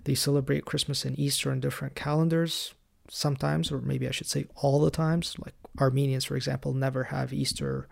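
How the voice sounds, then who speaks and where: A man with a deeply gravelly, fry-heavy voice hosts a solo teaching podcast. He explains church history calmly, with a lightly wry edge, at a middling pitch. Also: a little fast. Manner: raised in the Coptic Orthodox Church. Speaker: podcast host.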